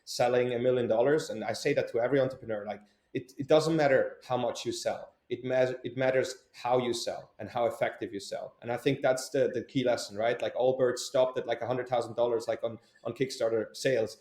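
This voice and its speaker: A man's voice: mid-range voice, steady tone, fairly quick, few pauses, darkish tone. A young man from Switzerland, an entrepreneur answering interview questions in a hesitant way, with many fillers and restarts. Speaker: entrepreneur guest. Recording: echoey room.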